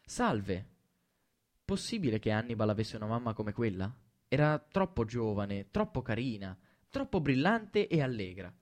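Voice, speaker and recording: A man reading a novel aloud in steady, scripted first-person narration. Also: medium pitch, moderate pace. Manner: steady storytelling. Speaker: audiobook narrator.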